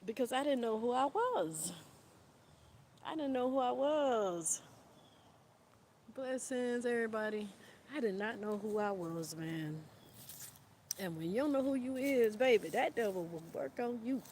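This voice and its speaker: A woman's voice: fairly high pitch, lively intonation, measured pace, long pauses, darkish tone. A woman talking casually on a livestream outdoors in the wind, rambling and repeating "you know what I'm saying" while calling listeners "baby". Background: light wind.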